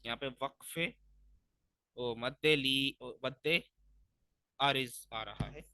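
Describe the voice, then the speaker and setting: Young male Quran teacher, from Pakistan, patient step-by-step explanations, slow loud drawn-out recitation, dry close sound. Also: medium pitch, clean tone, no room sound. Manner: explains patiently step by step, stretches recited words slowly and loudly.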